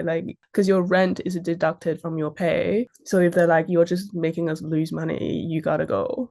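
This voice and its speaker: Her fairly low voice shows vocal fry and a darkish tone as this young Sydney-born fashion model talks casually in an interview. She tells stories informally with an Australian accent.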